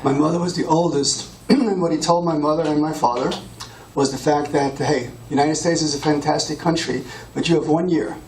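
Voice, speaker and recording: A man's voice: fairly high pitch, a little mellow. A middle-aged man from Austria giving a storytelling campaign speech as a political candidate. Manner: storytelling, with fillers. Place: meeting room. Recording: echoey room from far off.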